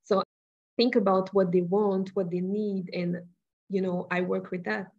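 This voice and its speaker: A woman's voice: medium pitch, steady tone, unhurried, a little mellow, lo-fi sound. A woman from Cameroon, an interior designer, talking in a casual interview and searching thoughtfully for her words.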